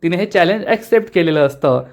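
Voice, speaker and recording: Man, recap narrator, steady storytelling, fairly high-pitched voice. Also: fast talker. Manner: steady retelling storyteller, reads every character's lines himself. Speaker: TV serial episode recap narrator. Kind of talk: scripted narration.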